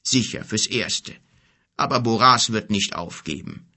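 A weary old king of a pond people, bent under years and speaking with grave, bitter measure, as a man reads him aloud. The voice sits low and husky, with the louder, firmer push of an elder giving hard counsel in a storybook. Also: expressive, a little slow, exaggerated voice.

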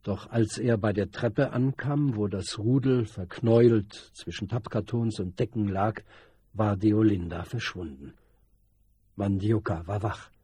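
A man reads a novel aloud in a measured, even way. His voice is low, dark and husky. The recording is dry and close. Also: no room sound. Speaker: audiobook narrator. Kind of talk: scripted narration of a novel.

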